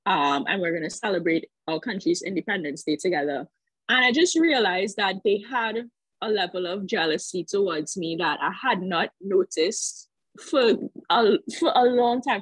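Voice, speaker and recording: A woman's voice: mid-range voice, a bit bright, slightly rough, no echo, rough recording. A woman from Trinidad, telling a personal story on a video call in a hesitant, reflective way. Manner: hesitant, reflective, many fillers. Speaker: call participant.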